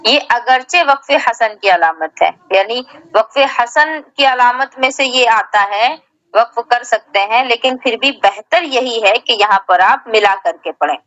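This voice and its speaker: A woman's voice: a little high, unhurried, fairly bright tone, no room sound, highs cut off. A woman teacher giving a religious lesson, patiently explaining each term and restating it in simpler words. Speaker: Islamic teacher.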